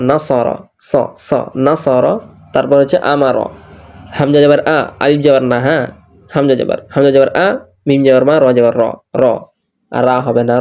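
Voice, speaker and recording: A man's voice: mid-range voice, a little mellow. A man with a Bangladeshi Bengali accent teaching Quran recitation, patiently spelling out letters and syllables and repeating them. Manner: patient, repeats each syllable and corrects mistakes.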